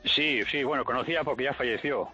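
A man calling a radio show, telling a story with halting, repeated starts. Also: mid-range voice, sharp tone, lo-fi sound, soft background music. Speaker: caller. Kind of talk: telling an anecdote on a call-in show.

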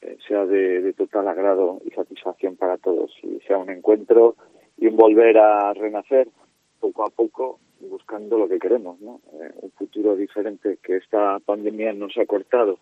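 A man's voice: on the low side, level tone, moderate pace, dry recording. Hesitant man on a dry phone line. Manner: hesitant, with frequent "eh" fillers. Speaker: brotherhood leader, interview guest. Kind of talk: radio interview over the phone.

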